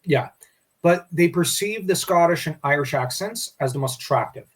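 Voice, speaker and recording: Rambling man with a higher voice. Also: expressive, normal speed, slightly rough. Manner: rambling, restarts often. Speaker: podcast co-host. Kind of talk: casual history discussion.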